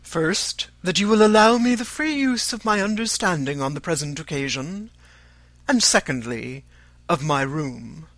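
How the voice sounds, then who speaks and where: Narrator as a deadpan, sardonic older gentleman. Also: mid-range voice, no echo. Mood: dryly amused. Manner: deadpan, measured, formal. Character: dry, unruffled older father, sardonic country gentleman.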